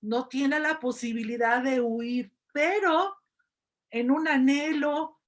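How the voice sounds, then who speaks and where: A middle-aged woman lecturing on scripture, explaining slowly and deliberately over presentation slides. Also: sits high. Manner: slow, deliberate, thoughtful explanation. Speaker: biblical studies lecturer.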